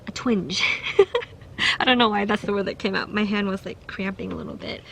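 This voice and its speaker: A woman's voice: mid-range voice, fairly even intonation, quick pace, creaky, fairly bright tone, slight background noise. A young woman giving a casual pick-a-card tarot reading, chatty and giggly, with many fillers and restarts. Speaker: tarot reader.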